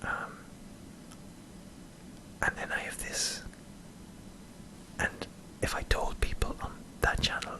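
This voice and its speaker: An Irish man in a hesitant, self-deprecating ASMR ramble, speaking in a breathy whisper close to the microphone. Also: rough recording. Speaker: ASMR video creator. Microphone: close microphone in front of a camera.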